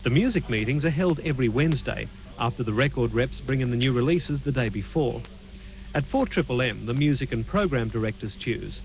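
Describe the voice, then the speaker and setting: A man reporting an entertainment news story on TV, heard through a low quality stream of the broadcast. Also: expressive, highs cut off. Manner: measured, clear scripted delivery. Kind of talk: TV news report narration with chat to the anchor.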